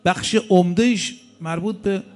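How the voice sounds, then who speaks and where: A man preaching a sermon, telling stories with rhetorical questions and moving between soft and loud delivery. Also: high-pitched, fairly even intonation.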